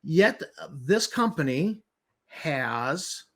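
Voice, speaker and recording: A man with a moderately high-pitched voice talks through a document in an informal commentary style. He stresses and repeats key points. His tone is skeptical and incredulous. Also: very animated, very slow, a bit bright. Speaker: commentator host.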